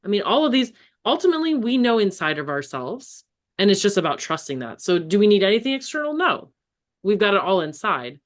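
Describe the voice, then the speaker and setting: A woman's voice: mid-range voice, big pitch swings, brisk. A woman hosting a spiritual podcast, enthusiastic and encouraging in casual chat. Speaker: podcast host.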